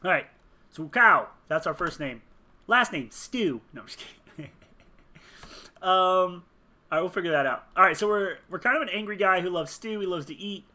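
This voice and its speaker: A man's voice: sits high, expressive, moderate pace, bright, forceful tone. A man thinking aloud as he builds a game character, rambling, muttering and chuckling at his own jokes while he types. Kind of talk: casual thinking aloud while searching online.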